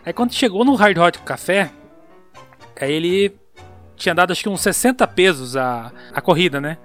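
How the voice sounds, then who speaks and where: High-voiced São Paulo man spinning a yarn. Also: normal speed, faint music behind. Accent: São Paulo Portuguese. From São Paulo, Brazil. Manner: animated, slangy storyteller who acts out voices. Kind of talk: casual chat, storytelling.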